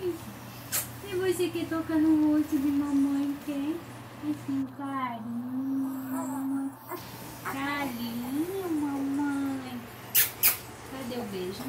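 Speaking slowly in a voice that sits high, the mother coos to her baby in playful baby talk. Another person films from across the bedroom, and the distant camera picks up room echo and background noise.

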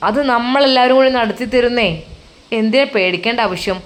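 A woman's voice: on the high side, fairly quick, close to an everyday voice. Woman voicing a coaxing, reassuring male cleric. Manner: coaxing, reassuring, gently teasing. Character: kindly older male religious teacher, comforting friend.

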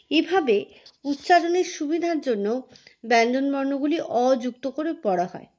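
A woman teacher talks her pupils patiently through a lesson, her voice high-pitched. She often stops to correct herself. The recording sounds a little dull and lo-fi. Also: a little mellow. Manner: patient, explanatory, self-correcting. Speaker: school teacher.

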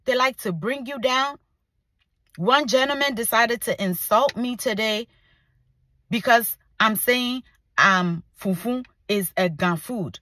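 Slow and emphatic, this woman in her forties from Ghana addresses her vlog followers directly, her accent sitting between Ghanaian and American. As a content creator, she speaks with passion and repeats points to drive them home. Her somewhat high voice sounds pushed and bright, and there is no echo.

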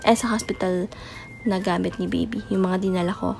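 A woman's voice: mid-range voice, steady tone, fairly quick, vocal fry. A young woman chatting through a voice-over and mixing in English words as she shows baby items. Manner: chatty, mixes in English words, soft late-night voice. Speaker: mom vlogger. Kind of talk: casual voice-over show-and-tell. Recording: voice-over with faint music behind.

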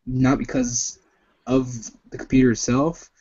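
A young man chatting casually over a phone video call, halting and full of "like" fillers. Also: mid-range voice, level tone, warm tone, husky. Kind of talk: casual chat. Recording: muffled phone call audio.

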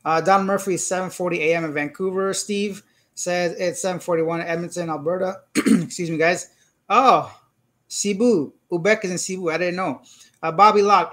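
A man hosting a casual live Q&A, telling an animated story with lots of quoted back-and-forth and reading out viewer comments. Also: fairly high pitch. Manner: reads out chat comments and greets viewers; gets worked up retelling a dispute. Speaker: livestream host answering viewer comments.

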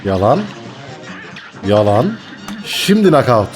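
A young man commentating his gameplay, excitable and jokey, swinging from mock panic to laughter. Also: on the low side, takes it slowly, soft background music. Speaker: gaming YouTuber.

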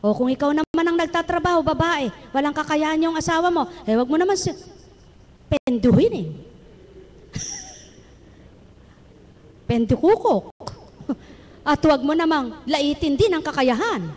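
High-voiced woman preaching a sermon. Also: brisk, darkish tone, big-room sound. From Philippines. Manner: rousing, keeps asking the congregation questions.

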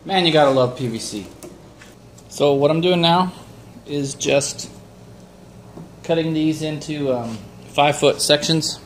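Slow-paced and a little high-voiced, a middle-aged DIY vlogger gives a relaxed, explanatory rundown of a woodworking build in his garage workshop, peppered with ums. The camera mic sits at a distance, so the audio is off-mic and echoey, with background noise.

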